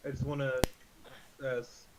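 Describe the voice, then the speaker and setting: A man playing a rogue in a tabletop game, eagerly asking about his options. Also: moderate pace. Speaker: player. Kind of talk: casual tabletop play. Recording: faint hiss.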